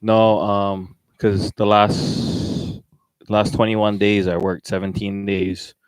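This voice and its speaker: Deep-voiced laid-back island man. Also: flat delivery, slow pace, clean tone, no echo, poor audio. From Wai'anae, Hawaii. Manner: laid-back, laughs easily, stumbles and repeats words. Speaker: podcast host. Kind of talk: casual chat. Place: small studio room.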